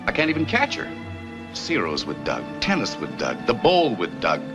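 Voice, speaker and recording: A man's voice: low-pitched, wildly swooping pitch, moderate pace, over music. An actor playing a sardonic, jealous man who has groomed a young woman for film stardom. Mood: wry. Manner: sarcastic, wry.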